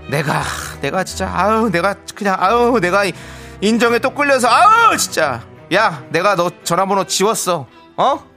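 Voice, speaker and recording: A man's voice: sits high, exaggerated voice. A man playing a furious, fed-up man ranting at a friend in a radio skit. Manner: ranting, shouting rebukes.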